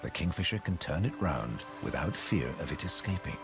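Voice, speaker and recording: A man reading scripted nature documentary narration in a measured way, with dramatic pauses. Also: rumbling low, expressive. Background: background music.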